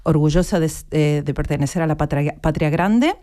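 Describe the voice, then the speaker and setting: Low and dark-toned, this Argentine-accented woman in her fifties talks fairly quickly as a radio interview guest. She is reflective, pausing to search for the right words.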